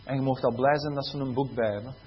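A man's voice: mid-range voice, fairly even intonation, fast talker, lo-fi sound, slight background noise. A man, a teacher giving a conversational sermon testimony and acting out quoted pupils. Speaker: teacher and preacher.

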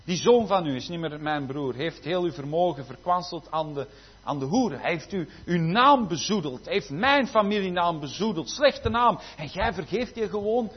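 A man's voice: sits high, animated, normal speed, husky. A man voicing a resentful, bitter elder brother who complains indignantly. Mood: scornful. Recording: dull lo-fi recording.

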